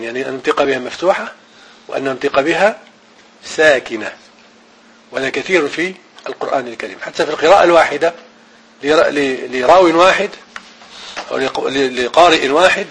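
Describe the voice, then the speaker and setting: A man teaching an Arabic grammar and Quran reading lesson, repeating each rule slowly and chanting the verses he quotes. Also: mid-range voice, fairly bright tone, slight background noise, low-quality recording.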